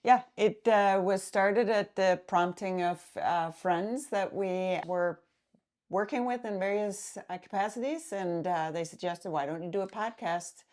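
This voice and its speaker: A woman, co-hosting a podcast in unhurried casual chat full of filler pauses. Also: medium pitch, darkish tone. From Denmark. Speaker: podcast co-host.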